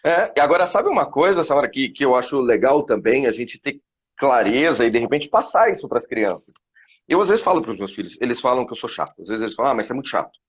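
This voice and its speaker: A man's voice: mid-range voice, big pitch swings, fairly quick, slightly rough, muffled recording. A middle-aged father in a casual live chat, reflecting on raising kids with many fillers and restarts. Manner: reflective, talks about parenting with many fillers. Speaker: guest.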